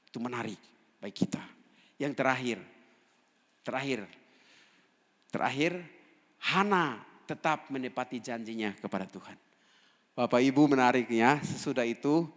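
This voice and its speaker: A pastor from East Nusa Tenggara preaching a sermon, telling stories with emphatic rises and quiet asides. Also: male voice, medium pitch. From East Nusa Tenggara, Indonesia. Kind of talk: sermon with storytelling. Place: church. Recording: church hall reverb.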